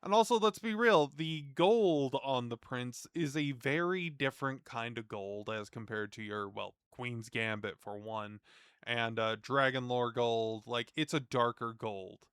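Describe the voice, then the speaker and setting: A man's voice: medium pitch, measured pace, a bit bright, clear, resonant tone, dry recording, clean studio sound. A man doing casual, rambling reaction commentary as a gaming streamer, informal and mildly sweary.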